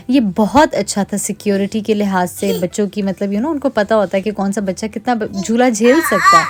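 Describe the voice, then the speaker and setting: A young woman narrating a casual family vlog as a chatty, cheerful mother, switching between Hindi and English. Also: medium pitch. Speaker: lifestyle vlogger and mother. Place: outdoor county fair.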